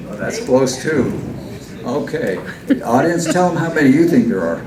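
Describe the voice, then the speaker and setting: A man's voice: medium pitch, expressive, normal speed. A man working as a stage hypnotist at a live show, giving coaxing, step-by-step instructions to volunteers and audience. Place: large echoey indoor venue with audience. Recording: echoey hall from far off, noisy background.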